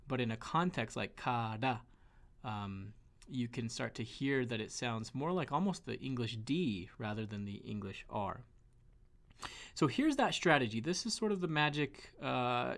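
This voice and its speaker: Man, Western American accent, Spanish teacher, pronunciation lesson, gravelly, hesitant with fillers. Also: medium pitch. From western United States. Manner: hesitant, many fillers and restarts.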